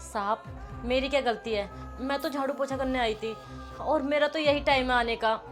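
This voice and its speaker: A woman's voice: sits high, normal speed, soft background music, close to an everyday voice. A woman playing a humble housemaid who defends herself in a meek, pleading way. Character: humble young female housemaid, hurt but firm. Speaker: maid. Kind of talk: short film acting.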